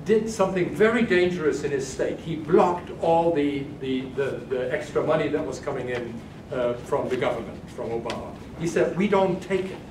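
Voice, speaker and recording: This older German keynote speaker answers audience questions at a moderate pace, his fairly high voice carrying lively intonation. He hesitates, restarting and filling gaps often. The far room camera in the big carpeted hall yields a distant, echoey, noisy sound.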